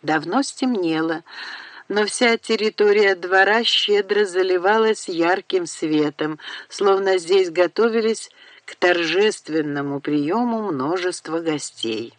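Slow, measured female audiobook narrator. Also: fairly low pitch, dry recording.

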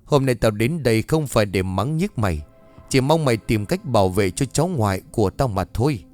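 A man's voice: mid-range voice, expressive, brisk, a little mellow, faint music behind, close to an everyday voice. A man voicing a grieving, superstitious old father in a ghost story, harsh and scolding.

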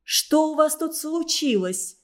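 A woman reading a storybook aloud and voicing a startled mother who fires off sharp questions. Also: sits high, lively intonation, slow pace, pitched above the performer's own voice. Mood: bewildered. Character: startled mother, demanding answers.

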